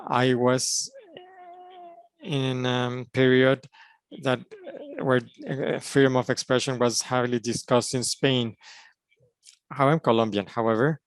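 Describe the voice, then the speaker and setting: A man interprets a conference panel at a slow pace, pausing often as he works through formal phrases in short, steady chunks. His voice is at an ordinary male pitch, and the close recording is dry and rough.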